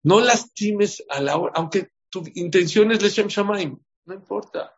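Guy preaching a sermon w/ stories, kinda high gravelly voice, dull lo-fi sound. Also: normal speed. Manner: storytelling, asks the audience questions. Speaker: rabbi. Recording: dull lo-fi recording.

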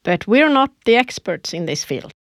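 A woman's voice: mid-range voice, sing-song, normal speed, no echo, clean studio sound. A woman co-hosting a corporate podcast who gives prepared lines with emphasis. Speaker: podcast co-host. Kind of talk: scripted corporate podcast dialogue.

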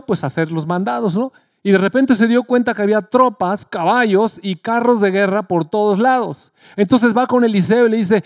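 A man preaching a sermon, retelling a story and acting out the quotes with a lively delivery. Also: high voice, no echo, studio quality. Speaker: pastor.

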